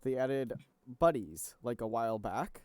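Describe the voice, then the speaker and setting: A podcast co-host making wry, deadpan jokes in casual chat. The voice is mellow and the recording is dry and close. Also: medium pitch, measured pace, clear, resonant tone, no echo.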